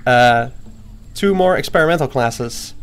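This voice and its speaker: A young man, a game developer, casually talking through a live stream of his own game, excitable and playful with lots of fillers. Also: medium pitch, unhurried, clean tone.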